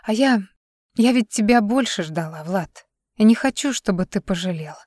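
Heartbroken young woman, soft and subdued, as the narrator reads her. Dry, close sound. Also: medium pitch, expressive, moderate pace, dry recording, lightly acted. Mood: sad.

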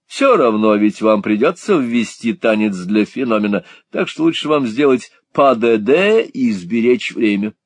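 A man's voice: mid-range voice, expressive, unhurried, few pauses, no echo. A man voicing a fretful pantomime actor who asks anxiously and grumbles. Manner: anxious, complaining.

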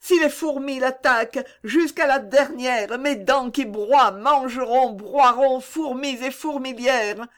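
A frantic peasant mother, as a woman reader puts her on, her voice climbing high and cried out with fierce, desperate pleading. The words come slowly and carefully even at her wildest. A storybook figure full of dread for her child.

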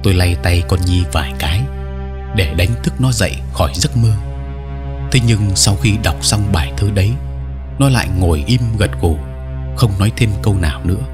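A man narrating a horror story as an audiobook reader, telling it in the first person with steady, measured delivery. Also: sits low, music in the background.

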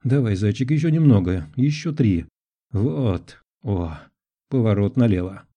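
A young woman guide in an audiobook, whispering soft, coaxing directions, as a male narrator puts her on. His tone stays dark and mellow. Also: on the low side, expressive, unhurried. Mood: urgent whisper.

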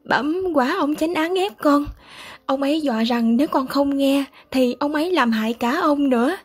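A woman's voice: high-pitched, moderate pace, soft background music, voice pushed up, lightly acted. A woman voicing a pleading tearful young man. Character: anxious young male student, pleading and tearful.

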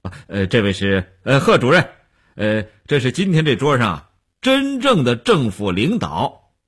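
A man voicing an eager, fawning young man who flatters important guests with many hesitations. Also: mid-range voice, measured pace, husky, voice pushed up, full character voice.

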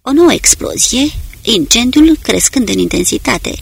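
A narrator reading a war novel aloud in a steady storytelling delivery. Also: medium pitch, gravelly, breathy edge. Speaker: audiobook narrator. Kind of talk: dramatic audiobook narration.

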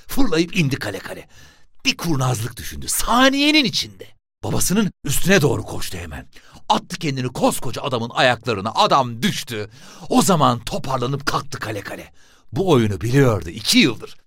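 A man narrating a story for an audiobook in a lively, expressive reading. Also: medium pitch, breathy edge, no echo, clean studio sound.

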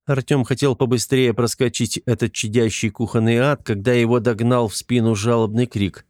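This is scripted audiobook narration by a man whose medium-pitched delivery stays even and measured. The recording has studio quality and no audible room.

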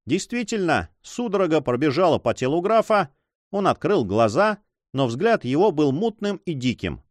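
A man narrating an audiobook story in an expressive storytelling manner. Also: fairly high pitch, normal speed, dry recording, studio quality. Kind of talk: scripted narration.

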